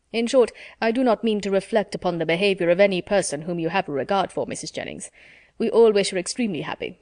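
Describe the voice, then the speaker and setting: A woman voicing a pompous, self-satisfied middle-aged gentleman in a storybook reading, measured and formal. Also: fairly low pitch, dry recording, studio quality, close to an everyday voice.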